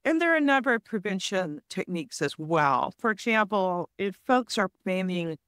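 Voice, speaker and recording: A woman speaks as an expert guest on an interview podcast. She explains things in a measured, patient manner at a middle pitch. The recording is dry and close. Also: expressive, fairly bright tone, smooth, dry recording. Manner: measured, explanatory advice-giving. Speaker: forest health guest expert.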